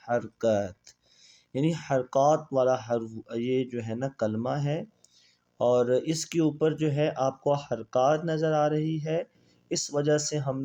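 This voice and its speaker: Teaching Quran reading, this man stretches the spelling of Arabic letters into a chant, then switches to quick explanations and answers his own questions. His voice is medium in pitch and mellow, and the audio sounds dull.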